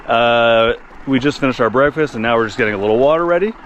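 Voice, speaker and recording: A man's voice: medium pitch, expressive, fast talker, a bit bright, muffled recording. A man hosts an outdoor adventure vlog in a casual, chatty way. He speaks to the camera out in the open, with faint noise in the recording. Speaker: host of a hiking vlog. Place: outdoors in winter mountains.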